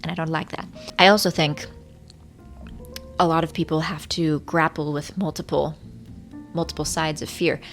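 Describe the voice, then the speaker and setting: Low-pitched woman vlogging over rain and music. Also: fairly even intonation, moderate pace, long pauses. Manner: earnest, musing, addresses viewers directly. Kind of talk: casual reflective monologue to viewers. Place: hotel room. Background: rain from a storm, faint music.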